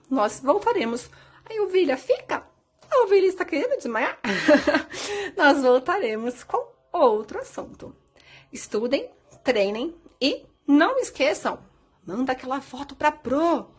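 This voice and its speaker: A woman teacher patiently explaining a primary school lesson, asking the children questions. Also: high-pitched. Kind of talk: recorded remote lesson.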